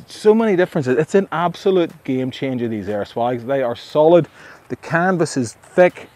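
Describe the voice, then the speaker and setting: A man's voice: fairly high pitch, animated, normal speed, a little mellow. A middle-aged Australian man giving a chatty, enthusiastic camping gear review outdoors at a campsite, often restarting his sentences. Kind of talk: casual outdoor product review. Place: outdoor campsite among trees.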